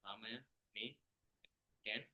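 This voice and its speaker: A man reading a letter aloud in a halting, word-by-word way. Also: on the low side, flat delivery, sharp tone, highs cut off.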